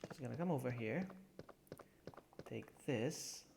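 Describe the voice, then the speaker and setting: This is casual live-stream commentary from a young man whose mid-range, gravelly voice has lively intonation and an unhurried delivery. Background noise and game music accompany his chatty banter, frequent laughter, replies to chat, and muttering during play.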